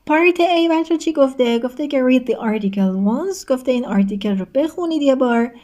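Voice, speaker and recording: A woman's voice: sits high, animated, darkish tone. A woman teacher explaining a textbook exercise step by step, reading each prompt aloud and giving the answer while speaking directly to her students. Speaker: English teacher. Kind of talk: recorded online lesson walkthrough.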